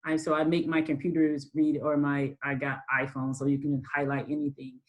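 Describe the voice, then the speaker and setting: A woman's voice: low-pitched, level tone, a little fast, phone-quality sound. A woman instructor giving a college writing lesson over a video call. She talks with frequent ums and restarts. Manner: hesitant, many ums and restarts. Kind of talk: online class lecture.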